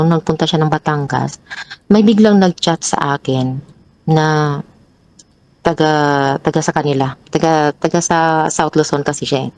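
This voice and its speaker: Woman telling her own story, lowish voice, halting, lots of restarts, dry close mic. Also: darkish tone, dry recording, poor audio. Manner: hesitant, halting with many restarts; pitches up sharply when reliving an argument. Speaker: guest sharing a personal story. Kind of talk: confessional personal storytelling.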